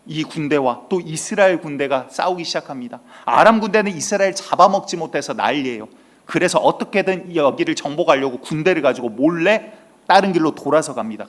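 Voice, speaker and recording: A man's voice: fairly high pitch, a bit bright. A male senior pastor preaching a Sunday sermon with emphatic storytelling and rising outbursts. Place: church sanctuary.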